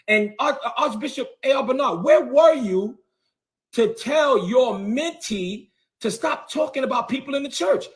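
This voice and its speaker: A man's voice: high voice, a bit bright. A man, a bishop, ranting confrontationally on his own livestream, repeating himself and calling people out. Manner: confrontational, repetitive, heated. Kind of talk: livestream rant. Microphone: phone or webcam on a livestream.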